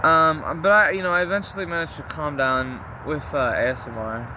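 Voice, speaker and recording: A man's voice: on the high side, fairly even intonation, brisk, background noise. A young adult man chatting casually and confessionally to listeners, rambling with slang and mild swearing. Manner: rambling, slangy, mildly profane. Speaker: vlogger recording a spoken diary.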